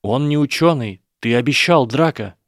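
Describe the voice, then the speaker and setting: A man voicing an earnest boy wizard who explains things in a measured, persuasive way. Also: medium pitch, expressive, dry recording, clean studio sound, voice pushed up, natural voice. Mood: apologetic pleading. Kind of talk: audiobook character voice.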